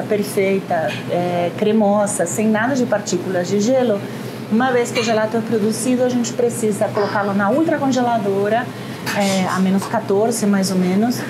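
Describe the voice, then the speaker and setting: A woman chef and restaurant owner giving a casual walking tour of her restaurant kitchen, pointing things out as she goes. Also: a little high. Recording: audible kitchen background noise.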